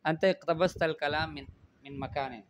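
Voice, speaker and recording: A man's voice: fairly high pitch, steady tone, fast, slight background noise. A man teaching Arabic writing in a classroom lesson, explaining patiently, repeating phrases and often checking with "good" and "understood?".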